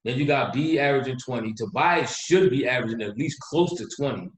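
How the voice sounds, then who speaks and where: A man co-hosting a casual sports podcast, animated and quick to laugh, getting heated when he argues a point. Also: mid-range voice, roomy sound, low-quality recording. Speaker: podcast co-host.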